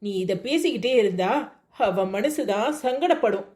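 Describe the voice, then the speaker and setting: A reasoning, soothing village woman from a cartoon, voiced by a woman talks in a Tirunelveli Tamil accent. Her voice sits slightly high and stays even. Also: moderate pace, close to an everyday voice. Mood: consoling. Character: calm consoling village woman.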